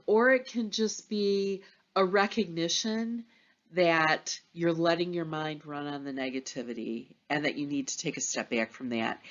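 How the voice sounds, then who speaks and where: A middle-aged woman giving a gentle, encouraging motivational pep talk as a teacher, speaking in a measured, reassuring way with deliberate pauses, in a dull lo-fi recording. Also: sits low. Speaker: teacher addressing students at semester's end.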